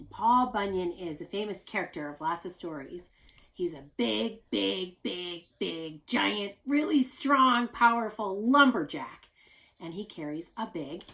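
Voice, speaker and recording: A woman teacher with a fairly low pitch reads a children's story aloud. She explains things simply and speaks straight to her young listeners, giving words expressive emphasis.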